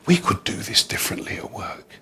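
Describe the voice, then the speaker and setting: A man's voice: a little fast, pushed and bright. A man from Gambia giving emphatic interview answers on leadership, building his points in rhythmic repeated lists. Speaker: leadership speaker.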